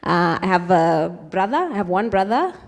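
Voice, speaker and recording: With a lowish voice, vocal fry and big pitch swings, a Kenyan woman in her twenties speaks at normal speed at a youth event. She keeps the slide talk chatty and casual, mixing in Swahili and frequent ums. Long reverb fills the hall.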